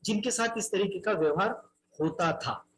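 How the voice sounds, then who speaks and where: Guy with a pretty high voice giving a buddhist dharma talk, earnest storytelling, keeps saying brothers and sisters. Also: moderate pace, a bit bright, a little hiss or hum, rough recording. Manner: earnest storyteller, retelling a life story in first person; addresses listeners as brothers and sisters. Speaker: Buddhist teacher.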